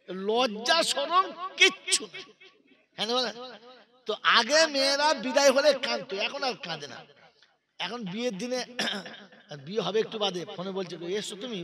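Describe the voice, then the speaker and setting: A man preaching an Islamic sermon with sung verses and comic stories, quizzing his listeners. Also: sits high. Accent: Bengali as spoken in West Bengal, India. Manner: chants opening verse slowly, then tells jokes conversationally and quizzes the crowd. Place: large religious gathering. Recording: live crowd at an outdoor religious gathering. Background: crowd of listeners.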